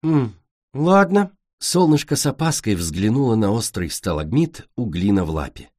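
A man narrating a children's fantasy story in an expressive way. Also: fairly low pitch, normal speed, dry recording. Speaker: audiobook narrator. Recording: dry close recording.

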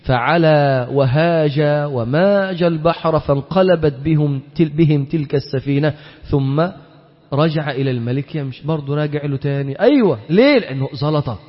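A man's voice: on the high side, normal speed. A man with an Egyptian accent preaching a sermon, firing rhetorical questions and acting out little dialogues. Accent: Egyptian Arabic. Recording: dull reverberant hall recording.

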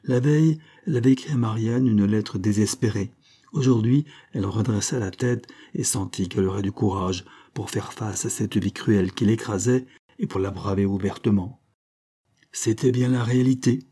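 A man reading a novel aloud as narrator, measured and expressive. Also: fairly low pitch, husky. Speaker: audiobook reader.

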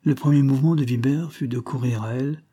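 A male audiobook narrator reads a classic novel in a calm, measured way. His voice is mellow and warm with a husky edge. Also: mid-range voice.

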